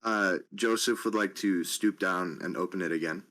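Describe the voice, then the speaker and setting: A man in a tabletop game, talking in a relaxed, joking way about his rolls. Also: low-pitched, moderate pace. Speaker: player. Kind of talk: casual tabletop game chat.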